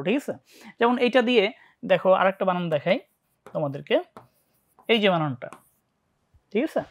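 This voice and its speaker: A teacher with a Bangladeshi Bengali accent giving a live online English lesson for university admission tests, often checking in and asking students questions. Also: medium pitch. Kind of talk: live online class lecture.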